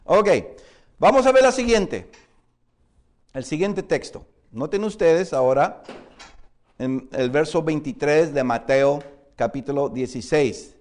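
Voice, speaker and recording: A man teaches a Bible course in a classroom lecture. His voice sits a little high, and he keeps turning questions to the class. He often pauses and restarts his sentences. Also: animated, darkish tone. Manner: explains with many questions to the class and "hermanos"; hesitant, frequent "eh" fillers and restarts.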